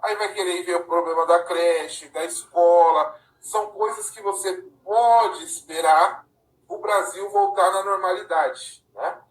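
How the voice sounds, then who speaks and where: Man, from Paraná, live-stream host, conversational, slightly high voice, echoey room, distant mic. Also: unhurried. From Paraná, Brazil. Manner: conversational, often ends with a tag question. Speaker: live-stream host and councilors' association president. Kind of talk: casual live-stream chat.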